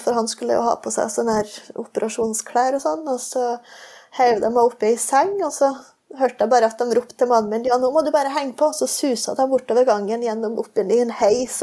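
A woman guest recounts a long personal story in easy, casual conversation, circling back and padding her sentences with fillers. Her voice is mellow and a little husky. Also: on the high side. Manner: rambling storytelling with many fillers. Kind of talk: casual chat.

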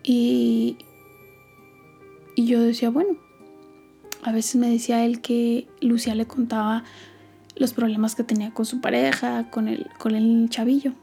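Young Mexican woman host, slangy and confiding, husky mellow voice, slightly high. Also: level tone, unhurried, pauses often, soft background music. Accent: Mexican Spanish. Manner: soft, often half-whispered, slangy confiding delivery. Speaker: podcast host. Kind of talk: storytime monologue.

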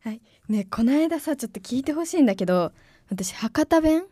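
A young woman, an announcing student, talking excitedly and informally as a radio talk host. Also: sits high, a little fast. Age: young adult. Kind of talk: casual solo radio talk.

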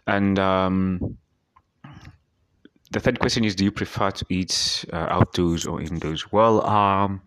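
A man from Tanzania, hosting a podcast and answering speaking-exam questions with many pauses and fillers. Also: low voice, fairly even intonation, fairly bright tone, clear, resonant tone. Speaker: podcast host. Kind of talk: speaking-exam practice monologue.

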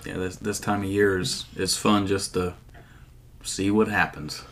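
A man co-hosting a casual sports podcast, talking in halting, hesitant phrases. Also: low-pitched, fairly even intonation, a bit bright. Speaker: podcast co-host.

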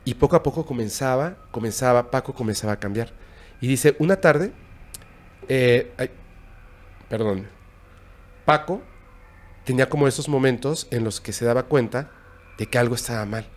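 Vato mexicano narrando historia de terror, voz media, habla pausada y bajita. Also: male voice, medium pitch. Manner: recounting a scary story, hushed and halting. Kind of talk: casual storytelling.

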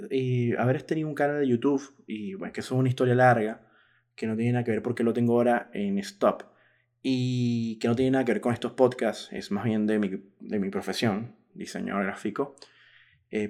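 A man's voice: mid-range voice, normal speed, a little mellow. A man in his thirties hosting a podcast, talking frankly and reflectively in a casual monologue, now and then laughing at himself. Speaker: podcast host.

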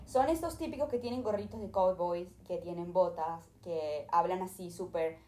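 Animated young Venezuelan woman vlogger. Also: fairly low pitch, normal speed, reverberant, a little hiss or hum. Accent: Venezuelan Spanish. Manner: animated, dramatic retelling, acting out the people in her story. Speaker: YouTuber. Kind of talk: storytime vlog. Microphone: desk microphone.

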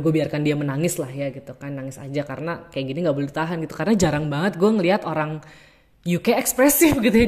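A young woman telling a travel story in a lively, casual way, mixing in English words. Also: low-pitched. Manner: lively, mixes in English, acts out quotes. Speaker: podcast host.

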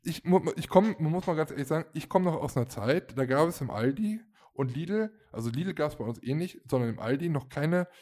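A man's voice: a little high, expressive, brisk, hardly any pauses, darkish tone. A man in his thirties casually telling a long anecdote, rambling with fillers and acting out the people he quotes. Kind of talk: casual storytelling chat.

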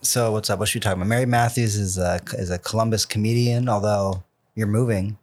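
Young guy hosting a podcast, kinda low voice, rambly with lots of ums. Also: steady tone, a little fast, slight background noise. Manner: loose, rambling, with many fillers. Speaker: podcast host. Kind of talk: casual chat.

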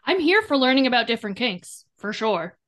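A woman co-hosting a podcast in casual chat, talkative and quick to laugh. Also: a little high. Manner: chatty, laughs often, animated retellings. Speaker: podcast co-host.

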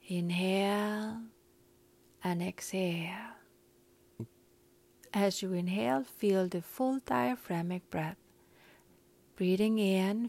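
A woman guiding a breathing meditation in a calm, soft, often whispery voice, counting breaths. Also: mid-range voice.

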